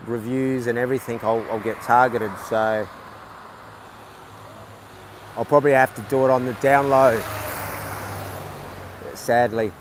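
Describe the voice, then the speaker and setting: A man's voice: medium pitch, steady tone, slight background noise. A man from New Zealand chatting casually on a phone live stream outdoors at a night market, rambling and restarting his sentences. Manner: rambling, halting, with many restarts. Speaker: livestreaming vlogger.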